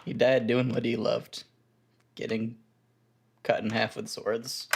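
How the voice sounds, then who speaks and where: Game master, tabletop RPG narration, medium pitch, noisy recording with clicks. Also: level tone, takes it slowly, creaky.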